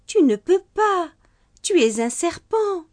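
A woman's voice: very high voice, big pitch swings, slow, a little mellow, dry recording, clean studio sound, pitched above the performer's own voice, exaggerated voice. A woman voicing a weary, firm mother who keeps refusing her son, in a told folk tale. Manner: firm, scolding. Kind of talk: storybook narration.

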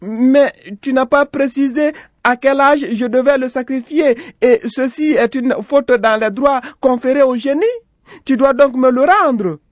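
Man doing a frantic mother, high and loud, insistent, dry sound. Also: unhurried, no echo. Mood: urgent.

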